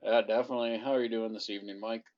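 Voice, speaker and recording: A man running an amateur radio net as net control, heard over a radio transmission, steady and courteous with formal call procedure. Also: lowish voice, rapid-fire. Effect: heard over a ham radio transmission. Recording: dull lo-fi radio audio.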